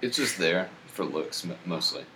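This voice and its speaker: A man co-hosting a casual comedy podcast, dry and quick-witted with an ironic edge. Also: deep voice, animated, sharp tone, slight background noise. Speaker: podcast co-host.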